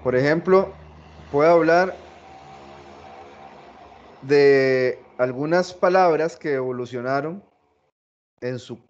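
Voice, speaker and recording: A man teaching a philology class, explaining slowly, repeating phrases and stressing example words. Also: a little high, highs cut off. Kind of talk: recorded class lecture.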